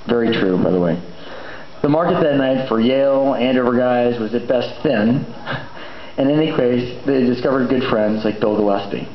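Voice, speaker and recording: A middle-aged man delivers an informal eulogy at an average pitch. He talks conversationally and haltingly, drifting into asides. The room echoes around him, and the recording is a little muffled with faint noise. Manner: conversational, hesitant, rambling with asides. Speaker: son of the deceased giving a eulogy. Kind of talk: informal eulogy at a memorial gathering. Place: large indoor memorial venue.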